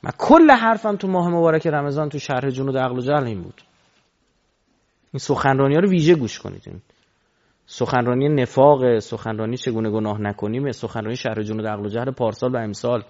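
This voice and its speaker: A man preaching a religious sermon into a microphone, swinging between loud exhortation and low murmurs. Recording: dull lo-fi recording.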